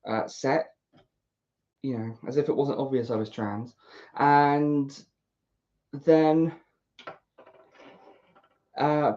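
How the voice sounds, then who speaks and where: A British woman with a deep, warm voice rambles chattily on a lo-fi recording, poking fun at herself and talking to herself. She's a YouTuber chatting casually while she builds a model kit, and the sound is dull.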